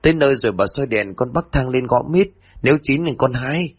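A man voicing a cheeky, easily frightened young housemaid girl in a spoken ghost story, with shrill, excitable chatter. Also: brisk, husky. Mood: cheeky, eager.

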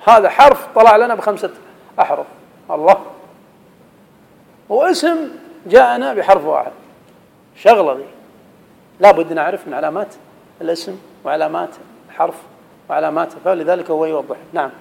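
A man's voice: high-pitched, lively intonation, brisk, creaky, pauses often, a little mellow, long reverb tail, rough recording. A man teaching an Arabic grammar lesson, quizzing his students and reciting verse. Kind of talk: classroom lesson.

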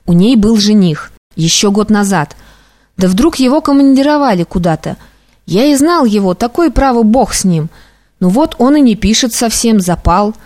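A woman's voice: medium pitch, animated, darkish tone, natural voice. A woman voicing an overjoyed anxious young clerk. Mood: tender. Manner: emotional, rushing, pleading.

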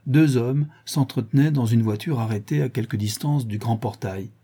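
A man reading a classic novel aloud in measured storytelling narration. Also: mid-range voice, mellow, breathy edge. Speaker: audiobook narrator. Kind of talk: scripted narration.

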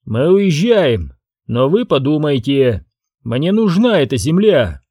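Man doing a domineering rancher boss, brusque and commanding, raised pitch, lively swings. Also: slow pace, breathy edge, no echo, studio quality, heavily acted.

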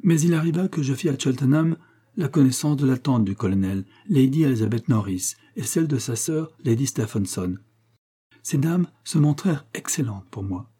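Brief: earnest young heroine in a storybook reading, pleading and emotional, dark husky tone, played by a man. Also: medium pitch, moderate pace, close to an everyday voice. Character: young woman, earnest and lovesick.

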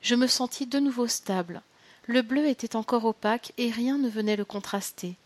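Brief: female audiobook narrator, measured and expressive, dry studio sound. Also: fairly high pitch, no echo. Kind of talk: first-person audiobook narration.

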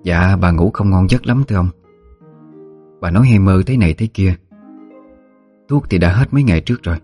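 A man's voice: low-pitched, brisk, a little mellow, soft background music. A man voicing a timid, deferential old female servant, in a storybook reading. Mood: meek.

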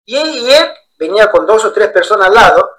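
A man preaching in a sermon-style Bible study, telling stories in an animated way. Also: high voice, a little fast, low-quality recording. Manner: animated storyteller acting out quoted voices.

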